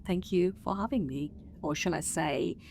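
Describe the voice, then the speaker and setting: A middle-aged woman from Romania, a council director speaking as a podcast guest in a measured, thoughtful way with many pauses. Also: fairly low pitch, darkish tone, slight background noise. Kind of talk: podcast interview.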